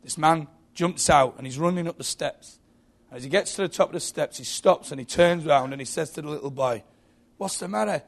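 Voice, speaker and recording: A man's voice: fairly high pitch, brisk, gravelly. A man preaching a sermon in a church, telling stories with frequent restarts and repeated words.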